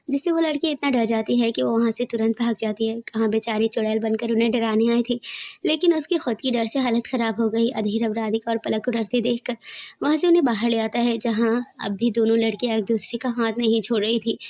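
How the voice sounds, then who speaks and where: Flat-voiced woman narrating a romance story. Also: fairly high pitch, a little fast.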